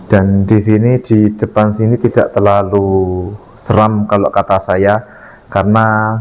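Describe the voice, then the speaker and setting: Low-voiced man hosting a ghost hunt. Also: darkish tone, poor audio. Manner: addresses viewers, explains step by step in short halting phrases. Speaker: host of a paranormal exploration show. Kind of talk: night ghost-hunting vlog narration.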